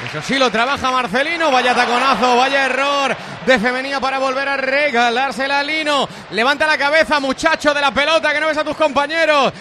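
High-pitched excitable male football commentator from Spain. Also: fairly quick. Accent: Spanish, from Spain. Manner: excitable, repeats phrases, stretches out shouts. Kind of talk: live radio football commentary. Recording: loud stadium crowd noise behind.

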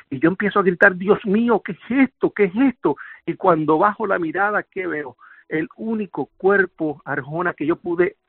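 A man's voice: fairly high pitch, husky, no echo. Man speaking over a tinny phone line. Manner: intense, vivid retelling. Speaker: survivor interviewee. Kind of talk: emotional first-person testimony.

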